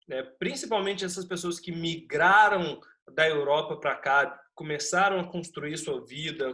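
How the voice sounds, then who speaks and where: A man who teaches history, telling his students a funny class-trip story before going back to the lesson. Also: high voice. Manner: lively anecdote with acted quotes and laughter.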